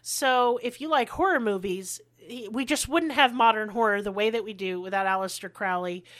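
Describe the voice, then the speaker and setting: A woman's voice: medium pitch, normal speed, fairly bright tone. A woman hosting a podcast, telling history in a blunt, sarcastic way and swearing freely. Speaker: podcast host. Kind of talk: casual history chat.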